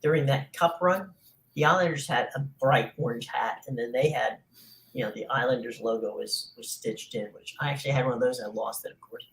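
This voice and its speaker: Male sports host, gravelly tone, loose rambling delivery full of ums. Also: medium pitch, a little fast, fairly bright tone, poor audio. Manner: rambling, many fillers. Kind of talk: casual sports talk.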